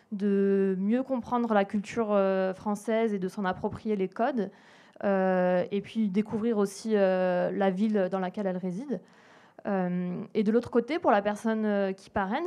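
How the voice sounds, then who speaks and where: A woman's voice: medium pitch, dark tone. A woman explaining a mentoring program for refugees at a public talk, with many hesitant fillers. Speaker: charity program speaker. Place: event hall with an audience.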